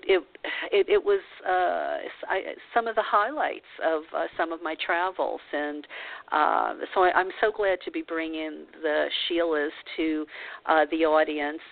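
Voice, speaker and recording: A woman hosting a talk show who introduces her guest warmly, with many filler words. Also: deep voice, creaky. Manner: warm and gushing, heavy on filler words. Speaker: radio show host. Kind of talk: interview introduction. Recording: tinny phone-line sound.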